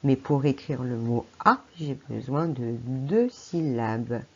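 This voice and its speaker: A woman's voice: extremely low pitch, slow, darkish tone, muffled recording. A French woman teacher giving a patient phonics lesson to a young child, speaking to the child directly. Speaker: primary school teacher.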